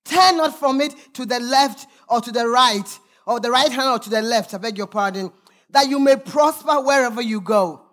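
A woman's voice: fairly high pitch, moderate pace, fairly bright tone. A woman pastor preaching a sermon, reading scripture aloud with emphatic, sometimes sung, calls to the congregation.

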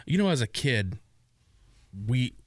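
A man's voice: mid-range voice, very animated, slow pace, no echo, clean studio sound. A man co-hosting a podcast, telling crude stories in casual chat and trailing off in fragments. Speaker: podcast co-host.

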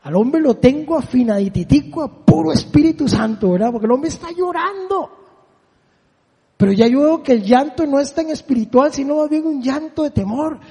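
A man's voice: very high voice, expressive, moderate pace, warm tone. A man in his forties preaching a sermon, emphatic, putting rhetorical questions to his listeners. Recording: long reverb of a large hall.

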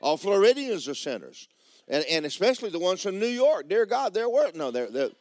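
A male pastor preaches with a fairly high voice that swings across a wide range of pitch. He draws his phrases out and lets them sink low and quiet, then jumps into loud bursts. The sound is dry and close. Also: big pitch swings, no echo. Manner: emphatic preaching with swooping pitch and sudden shouts; slow, drawn-out phrasing, dropping low and quiet at line ends. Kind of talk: sermon. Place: church.

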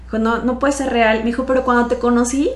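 Lively Mexican woman telling her story. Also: a little high, quick pace. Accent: Mexican Spanish. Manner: lively, laughs often, acts out quoted voices. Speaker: podcast guest. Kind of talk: casual conversational storytelling. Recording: echoey room sound.

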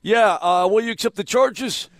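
A mock payphone call voice, put on by a man, playfully parodying a recorded operator's prompt and a caller asking to place a collect call. The voice jumps much higher than his usual talk and is pushed a little louder. It sounds slightly farther back from the microphone than his regular speech. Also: moderate pace, no echo, clean studio sound. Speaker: sports radio host. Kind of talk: sports talk radio banter.

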